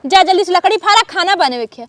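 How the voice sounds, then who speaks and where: A woman's voice: very high voice, expressive, fast, no room sound. A woman bickering and scolding in a rural family comedy sketch.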